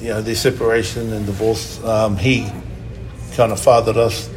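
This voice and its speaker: A man from New Zealand in his fifties with a New Zealand accent, a guest in a casual interview who speaks softly and hesitantly, with many ums. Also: lowish voice, little pitch movement, moderate pace, noisy background.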